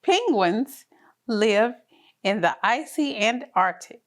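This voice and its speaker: She's a children's story reader narrating a picture book to very young kids, sounding sing-song and encouraging in a child-directed way. Her voice is a little high and very animated, and she moves at a slow pace.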